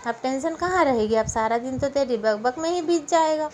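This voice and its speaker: A woman's voice: high voice, normal speed, a little mellow, slight background noise, natural voice. A woman reading a story aloud, voicing a sad young woman who speaks in a subdued, pleading way. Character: sad young woman hiding her heartbreak.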